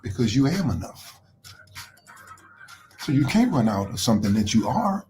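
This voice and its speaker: A man's voice: mid-range voice, very animated, normal speed, a little mellow, slight background noise. Man giving a live motivational talk. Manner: conversational, repeats phrases for emphasis; greets viewers by name during the talk. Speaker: motivational host.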